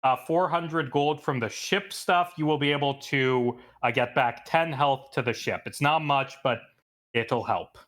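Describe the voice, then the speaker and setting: A man's voice: mid-range voice, measured pace, fairly bright tone. A man running a tabletop game as game master, narrating loosely with lots of fillers.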